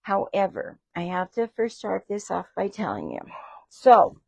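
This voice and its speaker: A woman's voice: medium pitch, big pitch swings, a little slow, creaky, dry recording, low-quality recording. Chatty, laughing co-host woman. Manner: chatty and laughing, playful teasing. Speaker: co-host of a fabric shop livestream. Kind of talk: casual live chat. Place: fabric shop.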